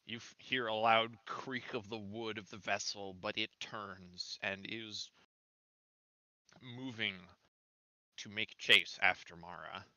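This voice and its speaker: Sharp, slow-talking male game master, lowish voice. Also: fairly even intonation, dry recording, dull audio. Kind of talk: descriptive tabletop game narration.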